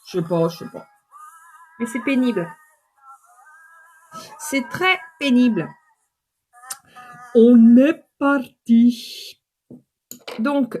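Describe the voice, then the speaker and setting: A woman in her fifties with a runny nose, chatting casually to viewers while doing her makeup live. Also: sits high. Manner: chatty, rambling, talks straight to viewers.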